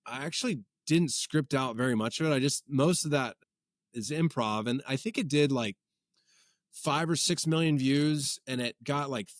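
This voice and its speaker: A man in his forties, a podcast guest, chatting casually and telling rambling, animated stories. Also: medium pitch, normal speed, no echo, studio quality. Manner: rambling, animated storytelling with many filler words. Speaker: podcast guest, comedy content creator. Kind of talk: casual chat.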